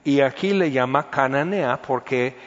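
A man's voice: mid-range voice, unhurried, muffled recording. Man teaching scripture in a reverberant hall. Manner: conversational, acts out voices with humor. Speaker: preacher. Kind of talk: informal Bible teaching.

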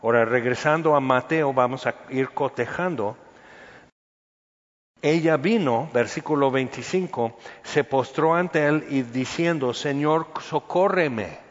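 A man's voice: mid-range voice, a little slow, in a large hall, highs cut off. A man giving an informal, conversational Bible teaching with humor. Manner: conversational, acts out voices with humor. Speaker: preacher.

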